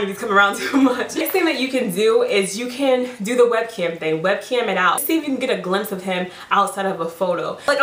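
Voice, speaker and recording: A young adult woman giving frank dating advice in a casual vlog, chatty and quick to laugh. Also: a little high, a bit bright. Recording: roomy, distant mic.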